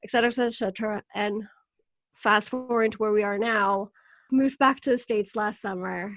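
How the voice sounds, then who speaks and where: A podcast guest, a wellness coach from Venezuela in her thirties, talks at normal speed in a mid-range voice with no room sound. Her casual interview about her life is candid and spirited, full of laughter.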